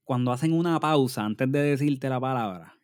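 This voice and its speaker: A man's voice: mid-range voice, darkish tone, no room sound, clean studio sound. A man in his thirties with a Puerto Rican accent, co-hosting a podcast in casual, profane banter. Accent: Puerto Rican Spanish. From Puerto Rico. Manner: profane, emphatic, quick banter. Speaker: podcast co-host. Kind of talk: casual chat.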